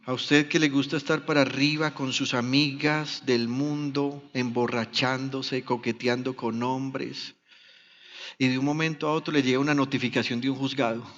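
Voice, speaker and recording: A man's voice: mid-range voice, steady tone, moderate pace, a bit bright, dull audio. Colombian man preaching in a reverberant church. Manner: dramatic storytelling, acting out biblical dialogue. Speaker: pastor. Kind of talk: sermon.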